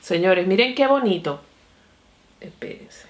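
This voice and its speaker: A young woman reviewing makeup on camera in a chatty, excitable way, calling her viewers "my love.". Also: lowish voice, moderate pace, vocal fry. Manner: chatty and excitable, often says "mi amor" and "señores". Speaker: beauty vlogger. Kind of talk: casual makeup review and tutorial.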